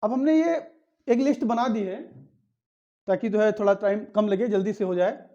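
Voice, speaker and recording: A man teaches a grammar lesson step by step, posing questions to his students and answering them himself. His voice is mellow, and the recording sounds slightly dull and lo-fi. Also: high-pitched, normal speed.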